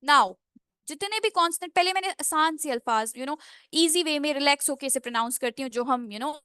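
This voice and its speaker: High-voiced woman teaching pronunciation. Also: bright, forceful tone, no echo, studio quality. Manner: drills phrases slowly, syllable by syllable; mixes English into Hindi explanations. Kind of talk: online class lecture.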